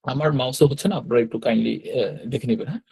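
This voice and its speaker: A man teaching an online lesson on writing characters step by step. He talks patiently, repeats each stroke, and often checks in with a quick "yes". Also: medium pitch, gravelly, warm tone, husky. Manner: patient, repeats steps, frequent "hyaan" checks. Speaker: Japanese language teacher. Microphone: computer mic while drawing with a mouse.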